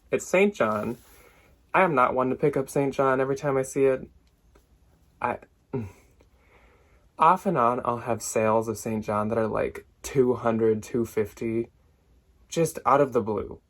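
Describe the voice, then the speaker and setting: A young man chatting casually through a thrift haul for resale, filled with "like" and small asides, now and then a bit out of breath. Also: mid-range voice. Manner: chatty, lots of "like", loses track and laughs at himself. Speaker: thrift reseller vlogger. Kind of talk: casual haul talk to camera.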